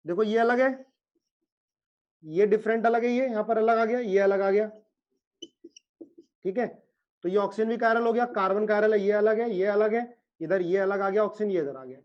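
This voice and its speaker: A male chemistry teacher with a high voice teaches an online class in a playful, teasing way. He explains with everyday analogies. The recording is dull and lo-fi. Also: moderate pace, pauses often. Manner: joking, teasing students by name. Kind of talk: online lecture.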